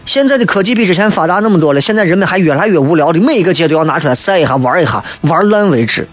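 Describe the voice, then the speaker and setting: A man in his thirties from Xi'an, speaking with a Shaanxi accent, hosts a humorous radio chat and reads out listener messages in a joking, mock-exasperated manner. His voice sits high with lively intonation and he talks at a racing speed over soft background music.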